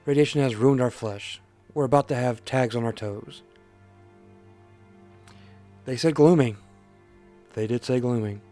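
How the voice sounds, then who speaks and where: Mellow guy reading a game out loud, plain voice, jokey asides, faint music behind. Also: medium pitch, unhurried, long pauses. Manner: reads game text aloud in a plain voice, with joking asides. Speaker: let's play host. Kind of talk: casual game reading commentary.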